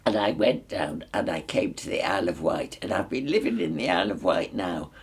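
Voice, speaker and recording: Very old woman, nineties, mixed Lancashire accent. Gravelly, husky voice, recalling her life in conversation. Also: very deep voice, animated, brisk. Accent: mixed Northern English, Lancashire. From Salford, north of England. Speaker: interview guest. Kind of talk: reminiscing life story in conversation.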